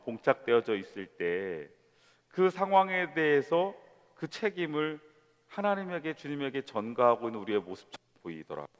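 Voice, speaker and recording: Guy pastor preaching to young adults, chatty and lively, lots of questions to the room, big church hall echo. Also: medium pitch, highs cut off. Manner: lively, conversational preaching with rhetorical questions and acted quotes. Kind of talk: sermon to a young adult congregation. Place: church sanctuary. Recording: long church hall reverb.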